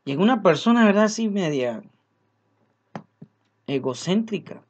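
A man's voice: high-pitched, lively intonation, a little slow, a little mellow. A man preaching a sermon, earnest and repeating his key phrases as he speaks to his congregation as brothers.

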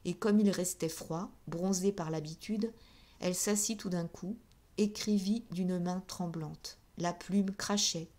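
A woman's voice: lowish voice, fairly even intonation, measured pace, a little mellow. Woman narrating a classic novel. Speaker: audiobook reader. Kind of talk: scripted audiobook narration.

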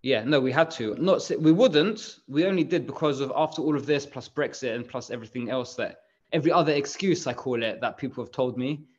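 A man's voice: medium pitch, brisk, a little mellow. A man in his thirties, guest on an interview over a video call, talking in a rambling, chatty way with frequent restarts and laughs. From England. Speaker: bakery managing director, guest. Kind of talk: casual interview chat. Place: room at home. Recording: slightly dull video call audio.

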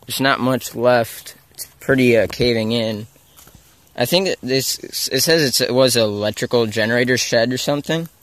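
A young man who films abandoned sites walks through a forest, narrating casually into a handheld camera mic. His mid-range, fairly bright voice moves at normal speed, and he rambles, sounds unsure, and corrects himself. The recording is dry.

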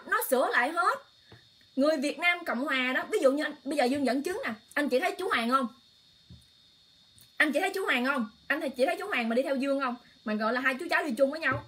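A woman's voice: sits high, fairly bright tone. A woman hosting an emotional political livestream, exclaiming often and speaking straight to her viewers in a heated, impassioned way. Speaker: online livestream host.

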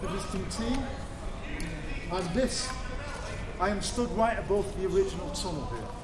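A man's voice: high voice, lively intonation, normal speed, over a noisy crowd. A man guiding a group on a stadium tour, chatty and joking, talking to the group as he walks. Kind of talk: guided tour talk. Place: indoor stadium corridors and changing room. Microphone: handheld camera. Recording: echoey and distant with loud ambient noise.

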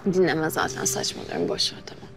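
An actress playing a guarded, angry young girl in a TV drama, sharp and defiant as she snaps back. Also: deep voice, huge pitch swings, fast talker, gravelly, background noise, exaggerated voice. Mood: subdued. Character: angry guarded teenage girl who distrusts men. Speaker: schoolgirl character in a TV drama. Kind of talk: TV drama acting.

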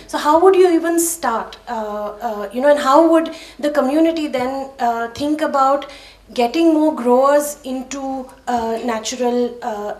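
Hesitant woman asking from the audience. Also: high voice. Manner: hesitant, many ums and uhs. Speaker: audience member asking a question. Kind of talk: audience question. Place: auditorium audience. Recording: echoey hall, heard from far off.

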